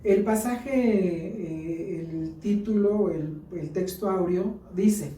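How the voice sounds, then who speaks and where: Mexican lady teaching church class, dark mellow voice, echoey room, mic far away. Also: mid-range voice, slow pace, slight background noise. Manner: earnest, tells personal stories. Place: church hall.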